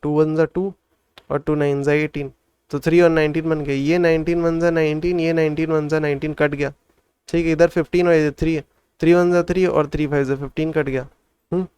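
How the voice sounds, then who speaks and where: A man tutors school maths, working each problem through step by step and counting out factors under his breath. He keeps checking in with his listener as he goes. His voice is smooth and a little high, captured close on a dry mic. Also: flat delivery, a little fast, a little mellow, no room sound. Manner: talks himself through calculations, counting out factors aloud. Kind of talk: solving textbook exercises step by step.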